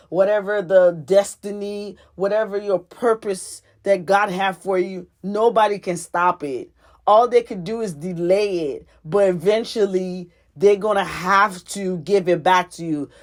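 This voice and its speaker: Speaking at a medium pitch with a Haitian accent, a woman from Haiti delivers a prophetic teaching monologue. She is a spiritual teacher and life coach, earnest and repetitive, frequently starting her phrases over.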